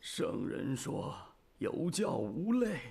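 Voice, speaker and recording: A dying old general begging his emperor, husky breathy voice, slow, lil music behind. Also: on the high side, very animated, mellow, full character voice. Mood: pleading. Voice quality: husky, weak, breaking into whispers. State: frail and dying. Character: dying loyal old general, humble and pleading. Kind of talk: historical TV drama acting.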